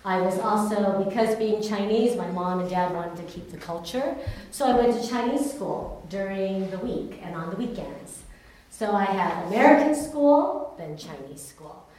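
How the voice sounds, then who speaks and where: This woman, born in Taiwan and brought up in California, speaks with a medium pitch and a darkish tone as she candidly tells her personal testimony like a story. The room is very echoey, the mic distant, and there is faint noise.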